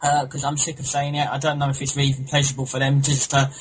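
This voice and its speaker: A young man co-hosting a casual wrestling podcast, rambling and excitable, swearing often. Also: medium pitch, fast. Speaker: podcast co-host. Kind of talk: casual chat. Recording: noisy home recording.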